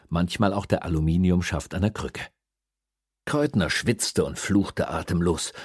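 A man narrating an audiobook in a very deep, husky voice, his pitch rising and falling a lot as he tells the story. The recording is dry and close. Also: darkish tone, no room sound. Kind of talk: audiobook reading.

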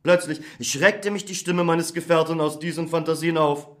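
A man narrating a classic story in an even, literary reading style. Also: fairly high pitch, normal speed. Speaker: audiobook narrator. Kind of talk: scripted narration.

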